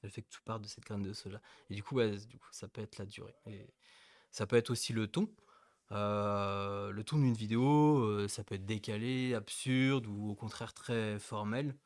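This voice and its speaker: A man with a somewhat low voice explains things in a hesitant way, pausing often and laughing easily. The sound is dry, with no room echo. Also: steady tone. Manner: hesitant, full of fillers and restarts, laughs easily. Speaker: co-host of a company webinar. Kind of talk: casual webinar chat.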